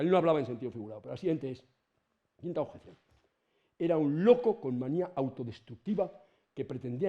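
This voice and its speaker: A middle-aged man with a Spanish accent from Spain, giving an informal lecture to students in a colloquial, animated way and swearing casually. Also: on the high side, lo-fi sound. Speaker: university lecturer.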